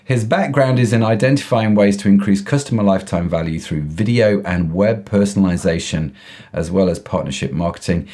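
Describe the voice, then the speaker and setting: A man with a croaky, froggy voice hosting a podcast in an enthusiastic, informal, chatty presenting style. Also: lowish voice, darkish tone. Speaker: podcast host. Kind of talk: podcast introduction, chatty semi-scripted presenting.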